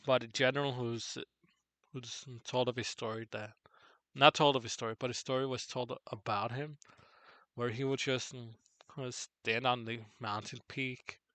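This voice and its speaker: A tired man teaching on a live tutorial stream, halting and correcting himself as he goes. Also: fairly even intonation, bright, forceful tone, no echo. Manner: halting, self-correcting, low-energy. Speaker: streamer teaching 3D character software.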